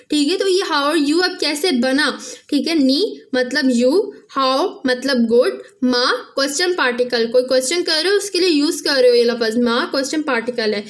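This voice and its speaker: A woman teaching a casual language lesson, often checking in with "theek hai" and slowing down to spell out sounds. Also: high-pitched. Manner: repeats "theek hai" after each point, spells out sounds slowly.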